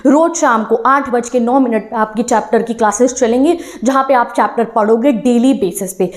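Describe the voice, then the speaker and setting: A woman's voice: on the high side, normal speed. A young woman teacher giving an encouraging talk to exam students, switching between Hindi and English phrases. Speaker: online teacher.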